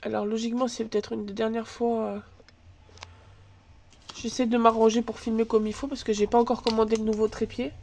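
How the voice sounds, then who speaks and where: A crafts channel host with a cold-stuffed nose runs a casual tutorial from her home table, chatty and full of fillers as she thinks aloud while working. She speaks a little fast in a slightly high, creaky, darkish voice with little pitch movement. The overhead camera catches slight background noise.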